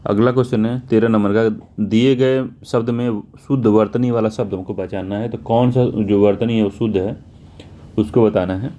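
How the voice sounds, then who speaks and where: A man's voice: on the low side, fairly even intonation, normal speed, warm tone, lo-fi sound. A male teacher working through exam questions one by one, often repeating answers and checking with "theek hai". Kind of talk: exam answer walkthrough lesson.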